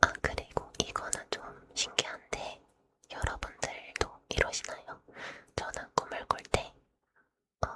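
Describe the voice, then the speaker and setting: A woman ASMR host chatting casually to listeners in a soft, polite, breathy whisper.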